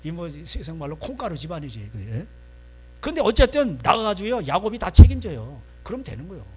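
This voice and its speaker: Animated, husky-voiced male pastor. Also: high voice, brisk. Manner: animated, folksy, constantly prompting the audience. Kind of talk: sermon. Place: church.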